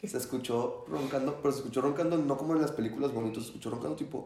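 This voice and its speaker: A man's voice: medium pitch, rapid-fire, reverberant, slight background noise. A young man, a student, telling a story in casual chat and acting out the quotes. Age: young adult. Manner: animated storyteller, acts out shouts and quotes.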